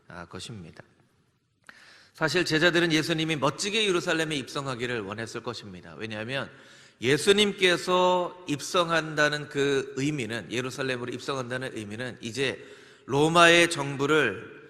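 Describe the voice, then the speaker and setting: Pastor, male, leads his flock warmly through recitation; bright voice with a long sanctuary echo. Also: medium pitch. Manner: leads congregation in greetings and recitation, earnest. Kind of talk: sermon. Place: church sanctuary. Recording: long church hall reverb.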